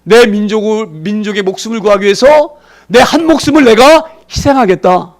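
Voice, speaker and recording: At a moderate pace, a male pastor gives a forceful sermon full of rhetorical questions for the congregation. He performs quoted voices, shifting sharply in both pitch and loudness.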